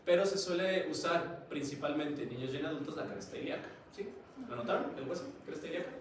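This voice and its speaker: A man with a slightly high voice talks fast while giving a classroom lecture, chatty and constantly putting questions to the students. The recording is noisy, with the mic far off in an echoey classroom.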